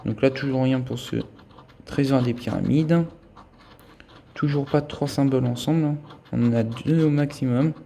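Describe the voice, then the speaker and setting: A man's voice: medium pitch, normal speed, gravelly, warm tone, a little hiss or hum. A man giving a casual running commentary as he scratches lottery tickets, thinking aloud as he checks each symbol and letter. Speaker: scratch-card vlogger.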